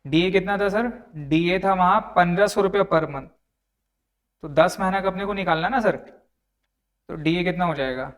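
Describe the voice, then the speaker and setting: A young tax tutor with a slightly high voice teaches an online class at a measured pace, leaving long pauses. He talks conversationally as he walks through the working, repeating each figure and calling his students "sir."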